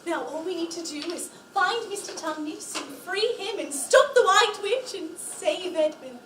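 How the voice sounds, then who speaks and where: An actress plays an eager, hopeful young girl in a children's stage show, gushing with bright-eyed wonder. The voice is very high. It is caught from afar in an echoey room with a constant hiss. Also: lively intonation, normal speed. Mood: overjoyed. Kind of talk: live children's stage play. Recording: echoey room from far off, noise.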